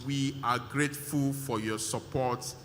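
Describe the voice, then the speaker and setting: A man addresses a large conference hall, his voice bright and forceful as it carries into a long reverb. He speaks in emphatic bursts, repeating his thanks and filling pauses with "uh". Faint room ambience sits underneath. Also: medium pitch, fairly even intonation, slight background noise. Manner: emphatic, repetitive thanks with many fillers. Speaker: conference organizer giving vote of thanks. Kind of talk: live conference speech.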